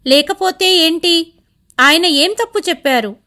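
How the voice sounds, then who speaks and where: A woman's voice: extremely high pitch, bright, forceful tone, exaggerated voice. A woman voicing a dignified aging mother. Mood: firm. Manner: slow, measured speech.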